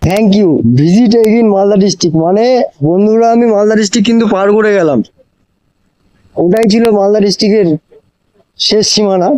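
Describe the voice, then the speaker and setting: Speaking through a moto vlogging helmet microphone, a man gives his viewers casual riding chat, explaining things, offering advice and repeating phrases, his voice enclosed by the helmet. The voice sits high and warm, fairly quick with many pauses, but the audio is poor.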